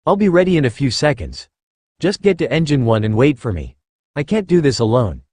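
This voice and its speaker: A man's voice: mid-range voice, very animated, fairly quick, a little mellow, no room sound, clean studio sound. A man reading the lines of a brash, sarcastic female inventor in a fan-fiction story, in a clipped manner. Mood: sardonic.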